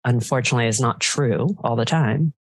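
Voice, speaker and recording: A woman's voice: rumbling low, fairly quick, slightly rough, dry recording. A woman psychologist, a podcast guest, chatting casually with a playful, teasing manner.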